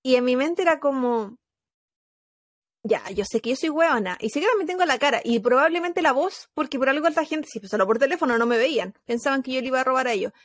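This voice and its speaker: A woman's voice: sits high, fast talker, dry recording, studio quality. Chatty Chilean woman, slangy and laughing. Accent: Chilean Spanish. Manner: animated, laughing, slangy storytelling. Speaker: podcast co-host. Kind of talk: casual chat.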